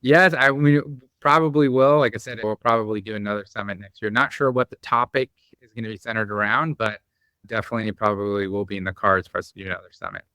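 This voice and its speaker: Man, founder guest, from the Bosnia and Croatia area; forceful, bright tone, slightly low. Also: fairly even intonation, fast, clean tone, no room sound. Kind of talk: conversational interview.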